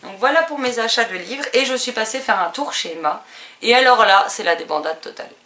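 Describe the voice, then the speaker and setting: Casual French woman vlogger showing her purchases, chatty with lots of fillers, bright tone. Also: a little high, expressive, a little fast, a little hiss or hum. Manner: chatty, hesitant with many fillers. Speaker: book and stationery vlogger. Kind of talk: casual haul video chat.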